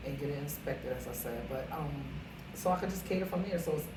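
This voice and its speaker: Appearing as an interview guest, a Philadelphia woman who works as a caterer and realtor chats in a rambling, filler-heavy way during casual conversation. She has a lowish voice and a quick pace. The recording is roomy, echoey, noisy, and off-mic, with the microphone at a distance.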